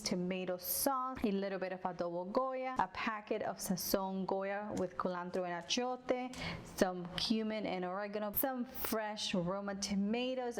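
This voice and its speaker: A woman from Cuba hosting a home cooking tutorial, chatting warmly to viewers as she cooks in her kitchen. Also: mid-range voice, slight background noise. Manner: friendly, chatty, addresses viewers directly. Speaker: cooking channel host. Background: sizzling frying food.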